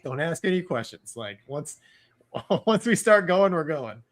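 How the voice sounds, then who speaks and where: A man co-hosting a casual chat show, loose and animated, laughing often. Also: on the high side, a little slow. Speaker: co-host.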